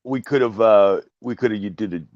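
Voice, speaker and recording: A man's voice: on the low side, fairly quick, a little mellow, dry recording, dull audio. A man in a casual chat, tossing in dry wisecracking asides.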